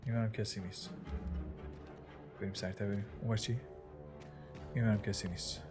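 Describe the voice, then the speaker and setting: A man giving casual, excitable gameplay commentary, often dropping to a whisper while sneaking through the game. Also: lowish voice. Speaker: gaming channel host. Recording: game music playing behind the voice.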